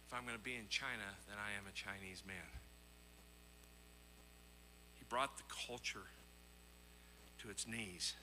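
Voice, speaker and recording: Over poor audio with a little hiss or hum, a medium-pitched man with a sharp tone delivers a sermon. He reads from scripture and shares anecdotes earnestly and emphatically, repeating himself and posing rhetorical questions.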